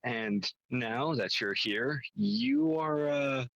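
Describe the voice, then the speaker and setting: A man with a gravelly, creaky edge to his mid-range voice, chatting casually as a podcast co-host. He jokes with his friends and then lays out a game pitch at an easy pace. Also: huge pitch swings, very slow, a bit bright, muffled recording, a little hiss or hum. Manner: jokey, pitches a game idea. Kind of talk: casual chat.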